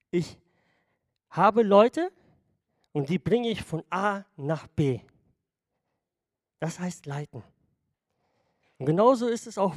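A man's voice: high-pitched, no echo, clean studio sound. A man preaching a sermon to his congregation in a conversational way, often checking in with them. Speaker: pastor.

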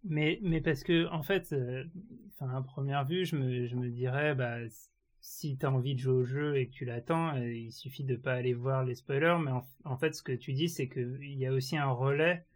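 A man's voice: mid-range voice, fairly even intonation, moderate pace. A man, a co-host in a casual chat, who asks questions and lets his sentences trail off.

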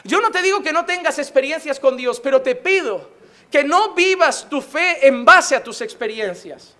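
High bright-voiced preaching man. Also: animated, moderate pace. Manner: impassioned, mixes humor and emphatic repetition. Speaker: pastor. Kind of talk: sermon.

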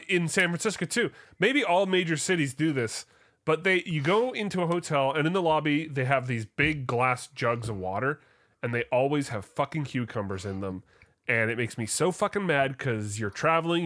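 A man's voice: mid-range voice, fairly bright tone. A young man co-hosting a casual podcast, with a voice in the middle range for a man. He talks bluntly and swears freely, and he often stammers as he starts a thought before launching into a rant. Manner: blunt, profane ranting with stammered restarts. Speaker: podcast co-host. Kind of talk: casual chat.

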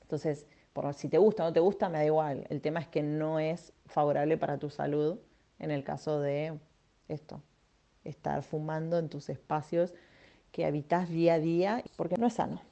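A woman's voice: deep voice, steady tone, moderate pace, vocal fry, mellow, lo-fi sound. A young woman with an Argentine accent, telling a personal story in a chatty, self-mocking way, full of fillers, as a podcast host. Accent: Argentine Spanish. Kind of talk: casual monologue.

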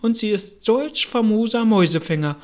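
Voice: medium pitch, lively intonation, moderate pace, darkish tone, natural voice. A reader voicing a polite, well-meaning young girl in a storybook reading, with an eager, apologetic, chattering manner.

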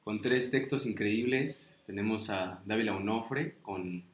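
Low-voiced man in an echoey room. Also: measured pace. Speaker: podcast host. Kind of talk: casual podcast chat.

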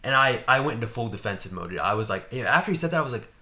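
A man's voice: medium pitch, expressive, racing, pushed and bright. A young man from Washington state, a podcast host rambling through a story in casual chat, swearing freely and acting out both sides of the exchange.

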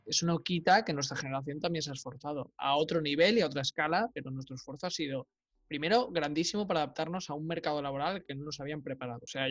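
Relaxed man, podcast co-host. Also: on the high side, dry recording, muffled recording. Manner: relaxed, jokey asides. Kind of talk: casual podcast chat.

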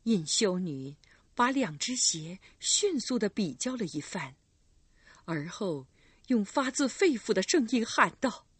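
Casting: woman audiobook narrator, husky, dry close sound. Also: mid-range voice, no room sound. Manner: slow, expressive storytelling.

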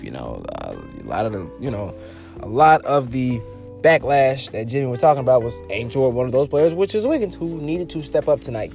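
A man's voice: mid-range voice, darkish tone. A man hosting his own podcast, rambling casually through sports talk with loose, profane wording, fillers and restarts. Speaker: podcast host.

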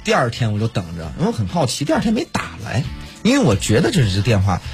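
A man's voice: mid-range voice, fast, faint music behind. A man from Pingdingshan telling stories in casual chat, acting out phone calls and laughing often. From Pingdingshan, Henan. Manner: animated storyteller, acts out phone calls with laughs. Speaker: co-host.

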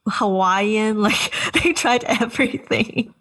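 A woman's voice: medium pitch, takes it slowly, fairly bright tone, recorded from a distance. A young woman from Taiwan chatting casually as a host, laughing often. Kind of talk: casual chat.

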